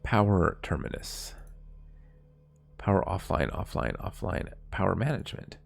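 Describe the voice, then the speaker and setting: A man's voice: deep voice, big pitch swings, a little slow, creaky, heavily acted. Man putting on a glitching robot terminal. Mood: malfunctioning.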